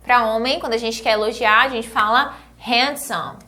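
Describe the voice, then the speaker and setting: A woman's voice: fairly high pitch, steady tone, sharp tone. A woman with a Brazilian Portuguese accent teaching an online English grammar lesson, asking the viewer questions and answering them herself. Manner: says English words slowly and clearly.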